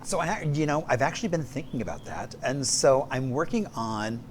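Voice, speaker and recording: A man's voice: medium pitch, big pitch swings, normal speed, a little hiss or hum. A man co-hosting a morning show in casual chat, easygoing and jokey, rambling a little.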